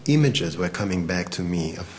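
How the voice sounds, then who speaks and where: A deep, expressive male voice at a moderate pace, with slight background noise. He's a Swiss man in his forties whose native language is Arabic, answering interview questions thoughtfully and hesitantly, often repeating words.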